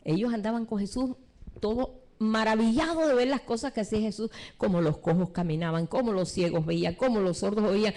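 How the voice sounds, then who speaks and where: A woman's voice: medium pitch, fairly quick. A woman teaching a church seminar live, preaching with rhetorical questions and retelling stories from her own life. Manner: animated preaching with rhetorical questions and retold anecdotes. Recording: live stream recording.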